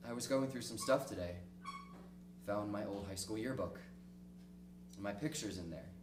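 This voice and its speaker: Playing a cynical, lonely diarist in middle age, a man delivers a dramatic monologue from a one-act play reading, his lowish voice near an everyday register. The mood is nostalgic and rueful, marked by reflective, halting pauses. The audio, taken from audience distance in a small theater, is distant and echoey with a noisy hum.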